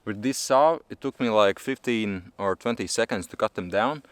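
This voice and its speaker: Low-voiced man vlogging casually outdoors. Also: normal speed, no room sound. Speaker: camping vlogger. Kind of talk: casual vlog narration to camera. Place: outdoors in a snowy winter forest.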